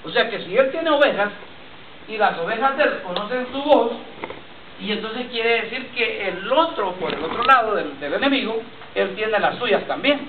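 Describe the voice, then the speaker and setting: A man's voice: high voice, expressive, moderate pace, roomy sound, noisy background. A man preaching a sermon with a personal testimony, repeating himself and often addressing listeners as brother. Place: church congregation. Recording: tinny lo-fi church recording from far off. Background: congregation responses.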